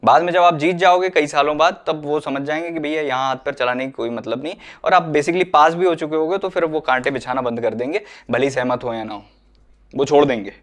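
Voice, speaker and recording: A man's voice: a little high, brisk. A man preaching an earnest sermon, mixing English phrases into his talk and acting out the people he quotes. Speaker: pastor.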